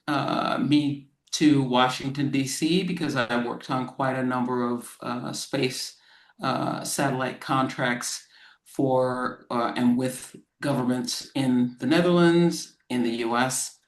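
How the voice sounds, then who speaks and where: An American woman from Florida, a lawyer speaking as a guest and explaining things slowly and plainly for English learners over a video call. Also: very deep voice, reverberant, rough recording. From Florida, United States. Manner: measured, explains terms plainly.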